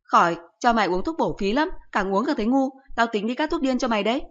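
A sharp-tongued storybook mother, put on by a woman narrator raises her voice well above the narrator's own. She scolds and mocks her son. The recording is slightly dull and lo-fi. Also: fairly high pitch, expressive, quick pace, pitched above the performer's own voice. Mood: scolding mockery. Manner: mocking, scolding.

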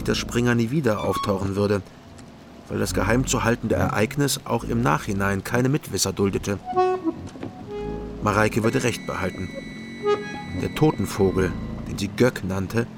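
This fairly low male voice carries vocal fry. In a radio crime drama, the actor plays a troubled ex-policeman from East Germany, recounting his own tale with a brooding, held-back delivery.

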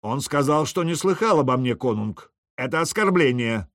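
A man voicing a hot-tempered balding Viking jarl in an audiobook, bellowing his indignant shouts. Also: medium pitch, expressive, normal speed, no room sound, studio quality, close to an everyday voice.

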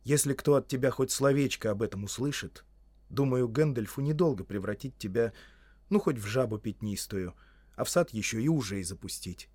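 Frodo, a man playing a worried young hobbit, quiet and low, serious, sighing, storybook. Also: expressive, normal speed, no room sound, natural voice.

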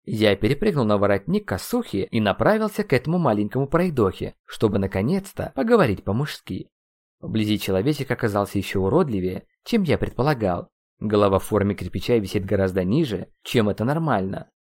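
A man narrating a first-person audiobook, expressive and ironic. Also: fairly low pitch, a little fast, no echo.

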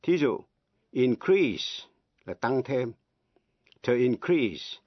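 A man teaching English on the radio, giving each word and example slowly, spelling words out letter by letter and translating them. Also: medium pitch, very animated, no room sound. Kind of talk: slow, deliberate language lesson. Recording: dry, dull lo-fi radio broadcast.

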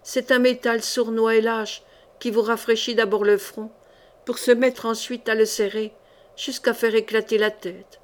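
Woman doing a mad king, raspy and thunderous, raving at his court, audiobook read. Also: a little high, little pitch movement, unhurried, lightly acted. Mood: brooding. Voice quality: raspy, powerful voice. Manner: ranting, thunderous outbursts. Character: mad middle-aged king, raving and bitter.

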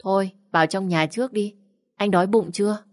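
A woman's voice: mid-range voice, fairly quick, a little mellow, lightly acted. A woman voicing a bold, mischievous young woman who teases and talks brashly. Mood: teasing. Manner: teasing, brash.

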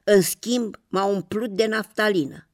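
A storyteller voicing an old, bored overcoat in a children's tale, with a thick voice and a grumbling manner. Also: lightly acted. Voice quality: thick, deep voice.

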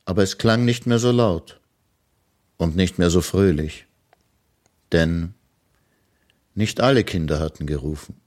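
Male storyteller, low voice, calm measured reading for kids. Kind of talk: storybook narration for children.

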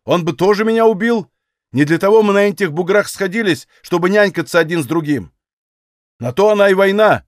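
A man's voice: high voice, lively intonation, a little fast, no echo, clean studio sound. A man doing a stubborn young Cossack man. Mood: defiant. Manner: blunt, folksy rural speech.

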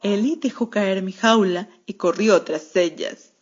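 A woman's voice: medium pitch, measured pace, breathy edge. Woman reading a story with wry sarcasm. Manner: wry, sardonic first-person narration as a cat. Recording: muffled lo-fi radio recording.

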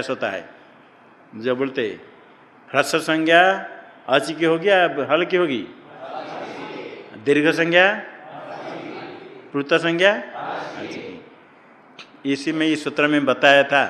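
A man's voice: fairly high pitch, fairly bright tone. Man teaching grammar in a reverberant hall. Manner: asks students questions and answers them himself, repeating key terms. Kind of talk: classroom lecture with questions to students. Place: ashram classroom.

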